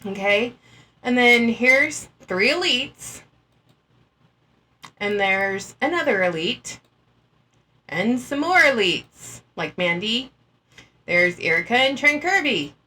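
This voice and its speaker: A woman's voice: on the high side, lively intonation, slow pace, pauses often, bright, forceful tone. A woman giving casual, blunt and dismissive commentary, talking through an earbud mic. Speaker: anti-MLM commentator.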